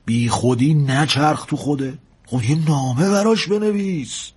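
A man voicing a fatherly older sailor who recalls past loves and gives a young man slow, drawn-out advice. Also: a little high, darkish tone, husky, pitched above the performer's own voice. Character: fatherly older male sailor, wistful and wise. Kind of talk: storybook character voice.

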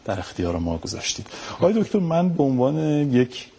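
A man's voice: mid-range voice, very animated, mellow, slightly rough. A man hosting an interview, asking questions in a very courteous, deferential, formal way. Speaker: interview host.

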